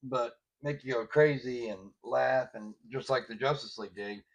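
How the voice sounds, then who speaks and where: A man co-hosting a podcast, chatting casually about a comic book with loud bursts of disbelief and a relaxed drawl. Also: medium pitch, moderate pace, dull audio. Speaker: podcast co-host.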